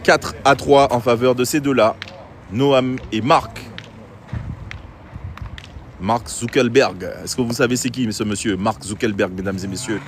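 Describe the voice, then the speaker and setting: A man's voice: mid-range voice, fairly even intonation, brisk, hardly any pauses. A man giving chatty live commentary on a pétanque game outdoors, talking straight to his viewers. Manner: chatty, addresses viewers directly. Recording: faint street noise outdoors.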